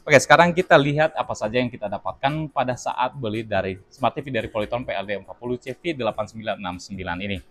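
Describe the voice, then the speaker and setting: A man's voice: medium pitch, fast talker, few pauses, a bit bright. A man giving a casual unboxing review of a TV, talking chattily to his viewers while he handles the set. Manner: addresses viewers as teman-teman, chatty, explains while handling the product. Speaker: product reviewer.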